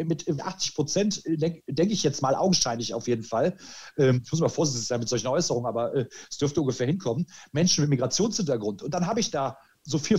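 Male podcast host, slightly higher voice, animated, lots of restarts. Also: husky. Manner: animated, frequent restarts and filler words. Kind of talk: casual chat. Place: lives in Spain.

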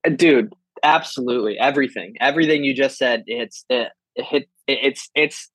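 Husky young man, casual rambling talk. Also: mid-range voice, normal speed, fairly bright tone, dry recording, poor audio. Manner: rambling, restarts a lot, swears freely. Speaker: stand-up comedian and military veteran. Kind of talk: casual podcast conversation.

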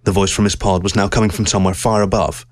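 A man with a low voice reads a science-fiction story in a steady, measured way. The sound is dry and close, recorded in a quiet home studio. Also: no room sound. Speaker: narrator.

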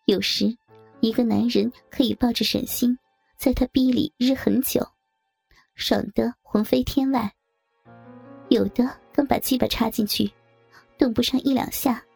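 Husky woman reading a story. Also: on the high side, a little mellow. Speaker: narrator. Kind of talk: first-person story reading.

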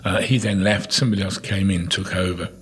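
Older English man, very husky low voice. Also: fairly even intonation, a little fast. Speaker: podcast guest, town crier and historical guide. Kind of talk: casual anecdotal storytelling.

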